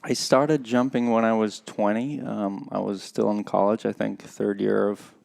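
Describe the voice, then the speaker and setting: A podcast guest in a casual interview, this Russian skydiving competitor in his thirties has a lowish, gravelly voice, a little mellow, delivered flatly. He talks reflectively and without hurry, hesitating and pausing a lot.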